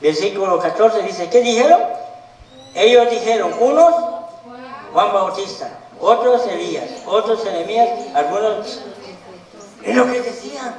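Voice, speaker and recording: A man's voice: high voice, expressive, unhurried, far from the mic. A man preaching a sermon to a Bible study group, speaking emphatically and putting questions to the congregation. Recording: echoey room, voice from the mic.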